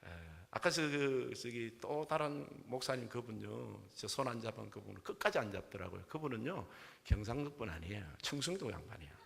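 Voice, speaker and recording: A male pastor with a Gyeongsang accent, preaching a Sunday sermon and telling folksy jokes in an animated way. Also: medium pitch, brisk, creaky, hardly any pauses. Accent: Gyeongsang Korean. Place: church sanctuary. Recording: long church-hall reverb.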